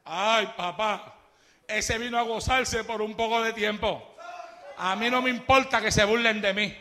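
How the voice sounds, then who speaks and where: Man preacher, fiery sermon, high and gravelly, swings from hushed to shouting. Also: fairly even intonation, measured pace. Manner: swings from low, hushed storytelling to shouted exclamations.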